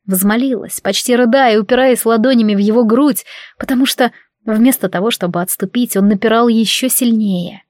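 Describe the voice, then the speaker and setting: A woman reading a first-person romance audiobook in an emotive, measured way. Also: on the high side, darkish tone, no room sound, clean studio sound. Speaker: audiobook narrator.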